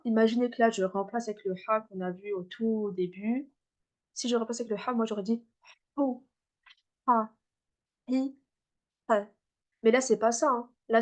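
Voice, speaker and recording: A woman's voice: fairly high pitch, a little mellow. A woman teaching a beginner class, patiently repeating and demonstrating letter sounds. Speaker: Arabic teacher.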